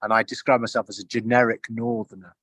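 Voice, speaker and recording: A man's voice: lowish voice, level tone, quick pace, a bit bright, no room sound. A man from northern England introducing himself casually with a dry joke. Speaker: guest.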